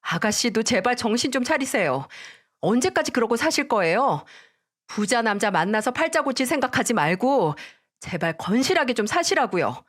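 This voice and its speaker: A woman's voice: fairly high pitch, very animated, moderate pace, pitched above the performer's own voice. A fed-up young wife who talks back defiantly, her voice raised and swinging widely, as a woman acts her out. It is a dramatized story read aloud. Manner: defiant, retorting.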